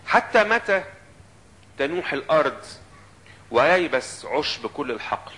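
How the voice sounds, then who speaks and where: A man with an Egyptian Arabic accent, preaching a sermon in an animated way, quoting scripture and voicing the people in it. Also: a little high, measured pace.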